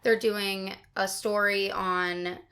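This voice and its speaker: A young woman chimes in on a podcast about horror movies. She speaks casually and pauses often, with plenty of 'like' and 'um'. Her pitch sits in the middle range. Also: little pitch movement, sharp tone. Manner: hesitant, filler-laden. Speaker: podcast co-host. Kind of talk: casual film review chat.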